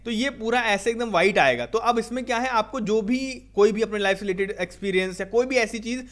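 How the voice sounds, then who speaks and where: A man's voice: sits high, fairly quick, fairly bright tone. A man from India coaching viewers for an exam, talking through slides in Hindi mixed with English. He explains step by step and ends many lines with "theek hai".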